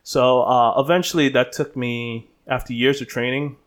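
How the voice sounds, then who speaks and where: A man in his thirties from the Bahamas, a stunt performer telling his story as an interview guest in a relaxed, rambling way full of restarts and fillers. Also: mid-range voice, moderate pace.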